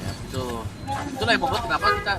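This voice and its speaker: A man's voice: sits high, very animated, quick pace, loud music behind the voice, over a noisy crowd. A man giving live esports commentary and analysis. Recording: very noisy event, voice slightly distant.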